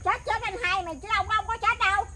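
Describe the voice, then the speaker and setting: A woman's voice: extremely high pitch, steady tone, very noisy. A woman with a Southern Vietnamese Mekong Delta accent, playing a scolding mother in a comic family skit. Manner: scolding, loud and rapid. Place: outdoors in a fruit orchard.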